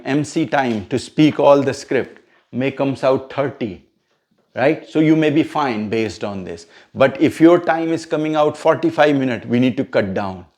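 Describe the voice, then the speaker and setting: A man's voice: medium pitch, a little mellow. A man teaching a hosting practice class step by step, often checking whether his listeners follow. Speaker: MC trainer. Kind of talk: instructional coaching session.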